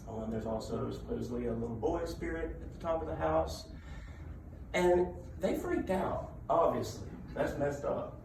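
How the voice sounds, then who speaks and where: A man giving an informal talk of ghost stories and local legends, conversational, with dramatic pauses and check-ins with his listeners. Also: medium pitch, creaky, distant mic. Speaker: public speaker telling local ghost stories. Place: indoor room at a library talk. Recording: echoey room from afar, background noise.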